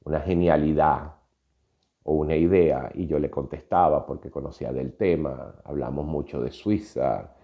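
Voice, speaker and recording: A man's voice: rumbling low, moderate pace, narrow, tinny audio. A Venezuelan man in his fifties with a Venezuelan Spanish accent, telling a personal story in a reflective podcast monologue with frequent hesitations. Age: 50s. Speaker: podcast host.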